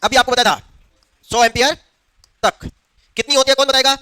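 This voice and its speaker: A man's voice: very high voice, steady tone, brisk, bright, forceful tone, clear, resonant tone, dry recording. A male teacher giving a classroom lecture, asking the class questions and answering them himself. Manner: quizzes the class, answers his own questions.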